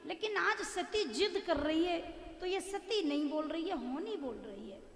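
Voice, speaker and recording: A woman preacher voicing a patient male god who gently warns his wife. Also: extremely high pitch, expressive, normal speed. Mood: cautioning. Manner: gently warning, sorrowful. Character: calm wise male god, patient husband. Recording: echoey hall with music.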